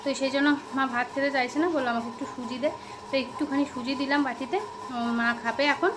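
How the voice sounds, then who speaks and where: Young woman vlogging at home on her phone, high voice, chatty, coos at her baby, lots of house noise. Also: steady tone, quick pace. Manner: chatty, addresses viewers directly. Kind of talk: casual daily-life vlog narration. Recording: noisy home ambience.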